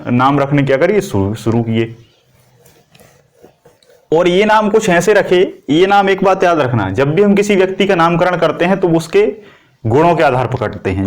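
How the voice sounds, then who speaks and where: A middle-aged man, teaching a classroom lecture and explaining with everyday analogies and rhetorical questions to the class. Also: fairly high pitch.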